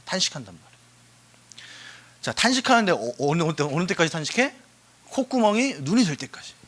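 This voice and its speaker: Brief: young male youth preacher, bright, tense voice, pitch leaping all over, cries out then drops to a near whisper, keeps asking the room questions. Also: fairly quick. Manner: animated, swings from loud cries to hushed asides; asks the listeners questions and answers them. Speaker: preacher at a youth worship service. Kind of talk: lively youth sermon with acted prayers.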